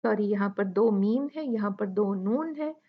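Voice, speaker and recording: A woman teaching Quran recitation rules in a tajweed tutorial, explaining patiently step by step and repeating examples slowly. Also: mid-range voice, expressive, dull audio.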